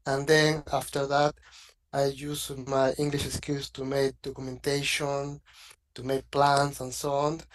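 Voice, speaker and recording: A man whose first language is Spanish, speaking English on a conference panel in simple, listing phrases. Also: mid-range voice.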